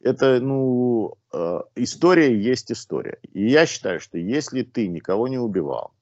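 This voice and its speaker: A man in his sixties, a guest on a video call, tells anecdotes chattily from his living room through a wired earphone mic, with restarts and filler sounds. His medium-pitched, darkish voice is very animated at normal speed, and the lo-fi audio is dull and dry.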